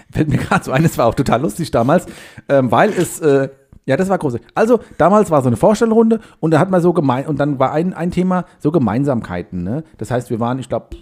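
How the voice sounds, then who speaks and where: A man in his forties, a podcast co-host, telling a long casual story in a rambling, halting way full of fillers and restarts. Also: fairly high pitch, mellow.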